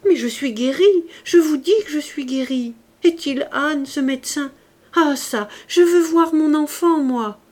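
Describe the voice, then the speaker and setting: A woman voicing a frail, feverish young mother who longs to see her child, speaking higher and with eager fervor. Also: measured pace, darkish tone. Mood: impetuous. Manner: raised, eager, fervent delivery.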